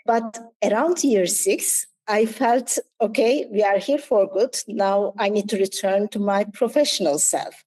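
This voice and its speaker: A woman from Turkey speaks with a Turkish accent in an interview. Her voice is mellow and dark-toned. She tells her story with reflective candor and small slips in her English. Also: medium pitch, unhurried, few pauses, poor audio. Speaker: guest. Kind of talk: interview conversation.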